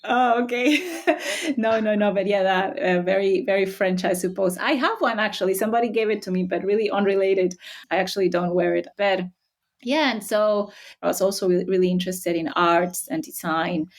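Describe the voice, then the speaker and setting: Woman, 30s, guest researcher, mid-pitched, thoughtful and friendly. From Costa Rica. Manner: thoughtful, friendly, quick to laugh. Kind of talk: casual interview talk.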